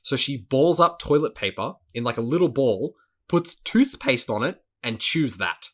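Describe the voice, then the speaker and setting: A man's voice: medium pitch, big pitch swings, moderate pace, fairly bright tone, slightly rough. Swearing, laughing male podcast co-host. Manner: swears a lot, laughs often, repeats words. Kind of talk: casual chat.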